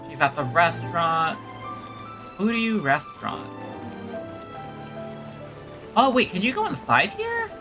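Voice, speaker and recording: Speaking slowly with long pauses, this game streamer's high voice swoops wildly in pitch over background music. He offers casual live commentary as he plays, reads bits of text aloud, and often mumbles asides to himself.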